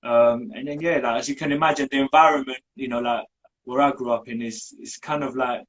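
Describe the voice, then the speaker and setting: A man's voice: medium pitch, fairly even intonation, fairly quick, rough recording. A young man from Colombia, talking in a casual interview with many fillers and restarts. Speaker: community group founder.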